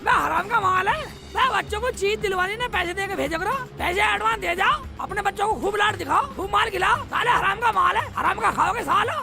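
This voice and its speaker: An actor playing a blustering, quick-tempered village snack seller who scolds and rants in a comedy film. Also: male voice, extremely high pitch, creaky, over music. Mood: ranting. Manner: hot-headed, scolding and ranting. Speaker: street vendor.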